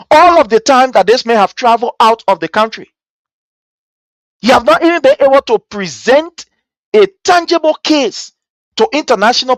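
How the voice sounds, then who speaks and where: A Liberian-accented host delivers impassioned political commentary in a medium-pitched voice. The delivery is indignant and mocking, built on rhetorical questions and emphatic repetition. The sound is dry, with hardly any room to it. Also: a bit bright, no room sound.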